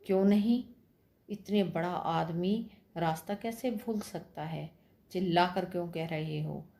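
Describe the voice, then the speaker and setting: A woman's voice: on the low side, steady tone, a little slow, creaky, darkish tone. A woman reading as a stern male schoolmaster.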